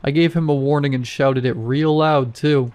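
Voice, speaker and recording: A tired male guard talks through what he saw in a plain, conversational way, with little asides thrown in, as a narrator puts him on. The voice sits at an ordinary middle pitch. He sounds like an everyday man. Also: fairly even intonation, moderate pace, darkish tone, natural voice. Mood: uneasy. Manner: plain first-person retelling, casual asides.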